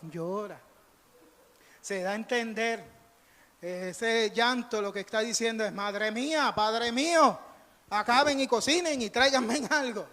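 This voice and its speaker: This man's voice is very high, bright and forceful, moving at a measured pace. He is a Puerto Rican pastor, from Puerto Rico with a Puerto Rican Spanish accent, preaching in an emphatic storytelling manner that repeats phrases and acts out dialogue. It was captured in a church sanctuary during a live service, with the reverb of a large hall.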